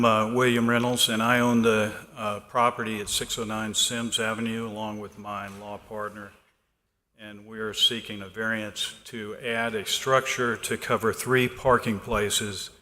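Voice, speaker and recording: A man's voice: on the low side, level tone, unhurried, bright, forceful tone. A man speaking as an applicant before a city board, hesitant with "uh" fillers, at a podium microphone. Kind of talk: public testimony. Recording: echoey council chamber.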